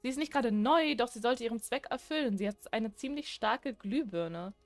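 A woman's voice: a little high, moderate pace, soft background music. A young woman chatting casually while she plays a horror game, joking and talking back to what happens on screen. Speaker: let's play gamer.

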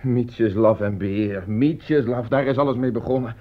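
A man's voice: mid-range voice, normal speed, natural voice. A man playing a grave, worried middle-aged doctor. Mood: troubled. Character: worried middle-aged male doctor and father, stern but gentle. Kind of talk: 1950s-style radio drama acting. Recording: dull old radio recording.

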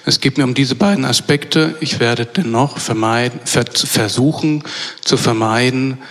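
A man's voice: mid-range voice, a bit bright. Hesitant male lecturer in a reverberant hall. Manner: measured, with frequent hesitation fillers and self-corrections. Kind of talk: academic lecture.

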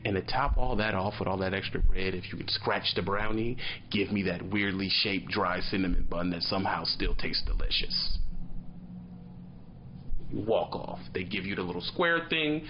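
On a muffled recording with a touch of hiss or hum, a truck driver in his thirties talks at a normal speed in a voice on the low side. Vlogging casually from a small dim room, he tells lively slang-heavy stories and acts out little scenes.

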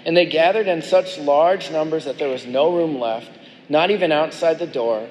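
A male lead pastor gives a relaxed, conversational sermon, reading scripture aloud and often restarting and repeating words. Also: on the high side, moderate pace. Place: church sanctuary. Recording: reverberant church hall, faint background noise.

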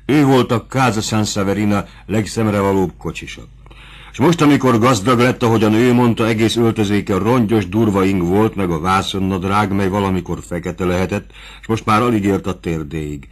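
Brief: male narrator, low voice, measured literary reading. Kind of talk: audiobook reading of a classic novel.

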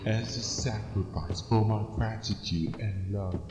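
An actor voicing a grim man slowly intoning a sacrificial prayer in a horror game. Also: fairly low pitch, steady tone. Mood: ominous. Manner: slow, solemn intoning. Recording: echoey hall with ambient noise.

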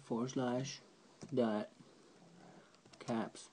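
A tutorial maker sits at a desk indoors, pointing a handheld camera at his laptop screen while he spells out commands letter by letter in a casual computer how-to. His medium-pitched voice is mellow and steady, with drawn-out words over slight background noise.

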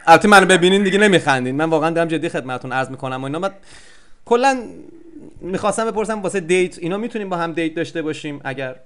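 Man, somewhat high pitch, comic prank caller, rambling, stammering, mock-polite. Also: expressive, a bit bright. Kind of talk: improvised comic phone prank.

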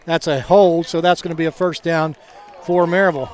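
A man doing live football play-by-play commentary in a halting, conversational way. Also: fairly high pitch, steady tone. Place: outdoor college football game. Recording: crowd noise behind, outdoor stadium. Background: game crowd.

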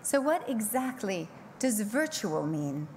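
A middle-aged woman giving a scripted keynote speech from a podium on a large conference stage, with a measured, poetic delivery and slow emphatic pauses. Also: mid-range voice, big pitch swings, a little mellow, a little hiss or hum. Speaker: keynote speaker. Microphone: podium microphone.

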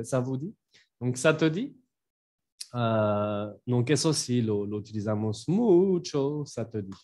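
A man from France, teaching phrases in a patient online lesson and repeating each phrase slowly for learners. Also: a little high. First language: French. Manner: writes on a board while explaining. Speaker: French teacher.

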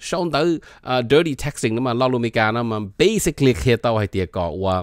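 A man presenting an informal educational talk, reading short phrases aloud and then explaining each one in a relaxed, chatty way. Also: mid-range voice, normal speed, dry recording, clean studio sound.

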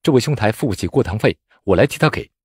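A man voicing a calm, upright male scholar who speaks in a low, measured and firm way. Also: breathy edge, no room sound, clean studio sound.

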